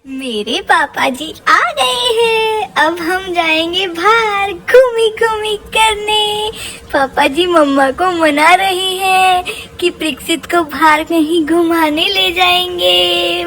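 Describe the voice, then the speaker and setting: A woman's voice: extremely high pitch, takes it slowly, bright, forceful tone, full character voice. A woman voicing a playful, cheeky baby boy in cutesy baby talk with doubled words, as a vlogger narrating for her baby.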